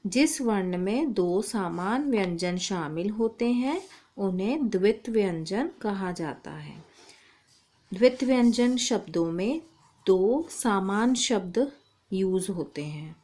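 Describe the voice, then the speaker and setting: A woman teaches young children a Hindi lesson, speaking slowly and patiently and pronouncing each sound and word separately. Her middle-pitched voice is expressive with a dark tone.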